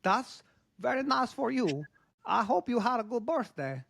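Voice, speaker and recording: A man's voice: extremely high pitch, a little slow, vocal fry, heavily acted. A man doing a grumpy greedy puppet chef. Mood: deadpan. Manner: deadpan, easily offended, childlike. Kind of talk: comic bit on a podcast.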